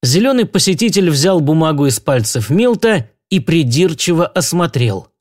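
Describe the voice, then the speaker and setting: A man narrating an audiobook with expressive, lively storytelling. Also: a little high, moderate pace. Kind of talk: audiobook reading.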